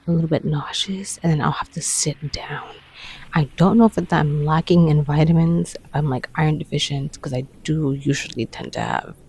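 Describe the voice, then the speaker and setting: A vlogger chatting casually to the camera late at night, short of breath, rambling and often slipping into a soft whisper. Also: mid-range voice, creaky, breathy edge, rough recording. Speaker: lifestyle vlogger. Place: bedroom at night.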